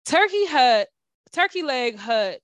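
A woman co-hosting a casual podcast over a video call, telling a story in an animated, profane way and acting out other people's lines. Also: high voice, slow, no room sound, highs cut off. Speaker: podcast co-host.

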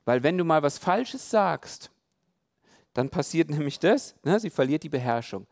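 Lebhafter Mann mit höherer Stimme. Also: male voice, fairly high pitch, moderate pace, gravelly. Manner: animated, acts out quoted thoughts, many fillers and restarts. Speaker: speaker giving a talk on love and marriage. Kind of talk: conversational sermon.

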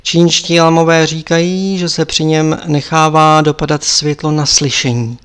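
A man's voice: on the high side, level tone, fairly bright tone, clear, resonant tone, lightly acted. A man voicing a stern old lama abbot. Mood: instructive. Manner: measured, admonishing, lecturing.

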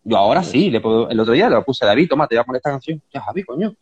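Spanish man, casual guest, rapid and husky, animated storyteller. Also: mid-range voice, dull audio. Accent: Spanish from Spain. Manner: animated storytelling, acts out quoted dialogue, says "tío" constantly. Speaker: musician guest. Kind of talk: casual chat.

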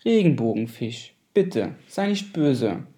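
A man's voice: mid-range voice, sing-song, slow, mellow. A man voicing a small, timid blue fish in a storybook reading, speaking in an eager, pleading way.

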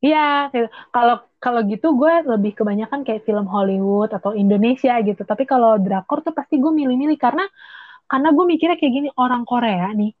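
A young woman chats casually, rambling and restarting her sentences in slang. Her voice sits a little high. It comes through a tinny, phone-like line with a dry sound. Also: a little fast, dry recording. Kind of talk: casual chat.

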